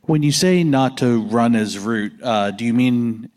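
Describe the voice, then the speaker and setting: A man's voice: medium pitch, unhurried, a little mellow. Hesitant man asking a question. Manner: hesitant, many uhs. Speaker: audience member asking a question. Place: conference hall.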